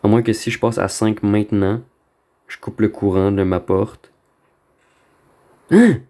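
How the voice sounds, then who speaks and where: A man's voice: lowish voice, level tone, normal speed, mellow. A man with a Québécois French accent giving casual, rambling gaming commentary, slangy and dropping in bits of English slang. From Quebec, Canada. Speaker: gamer recording a video.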